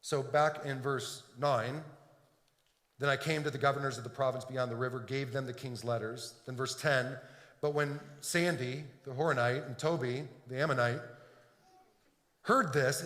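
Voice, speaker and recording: A church sanctuary's long reverb surrounds a middle-aged Detroit man preaching a sermon. The pastor's medium-pitched voice has a fairly bright tone, and he speaks earnestly, frequently repeating words to build his point.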